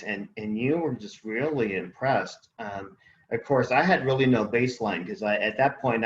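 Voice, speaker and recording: A man's voice: mid-range voice, echoey room, dull audio. A man co-hosting a casual spiritual conversation, rambling and searching for words with many fillers. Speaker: podcast co-host.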